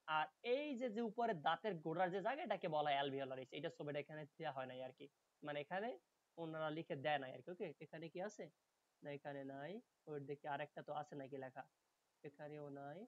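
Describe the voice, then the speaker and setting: A male teacher delivers an online lecture with an animated, rising and falling voice. He reads English textbook lines slowly, then explains them patiently and often checks that students follow. The audio is dry and dull, like a low-fi recording. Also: dry recording. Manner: explains patiently, checks understanding with frequent "okay?". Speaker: linguistics teacher.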